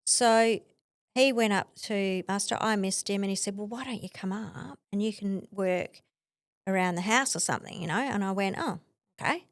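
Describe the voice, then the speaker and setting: A woman's voice: mid-range voice, moderate pace, no echo. Australian woman telling a personal story. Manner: animated, acts out quoted voices, laughs often. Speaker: podcast guest. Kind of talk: conversational storytelling.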